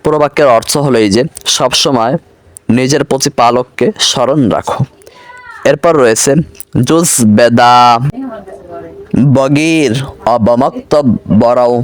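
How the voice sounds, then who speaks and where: Young male teacher, methodical, repetitive, medium pitch, recorded lesson. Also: a little slow, long pauses, dry recording. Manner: methodical, repeats each word and its meaning; corrects pronunciation patiently. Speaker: language teacher.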